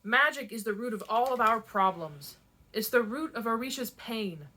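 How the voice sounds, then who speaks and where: An earnest young prince defends his father and pleads to be understood, voiced by a woman with little change to her own voice. The tone is bright and insistent. It is a plain read-aloud of a novel. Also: a little high, animated, moderate pace.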